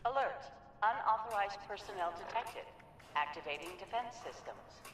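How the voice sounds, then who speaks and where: An automated alarm voice from a game's facility system, giving calm, flat evacuation and security announcements over a loudspeaker. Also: mid-range voice, normal speed. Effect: air raid style loudspeaker announcement. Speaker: in-game facility alert system. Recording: distant echoing loudspeaker with game music.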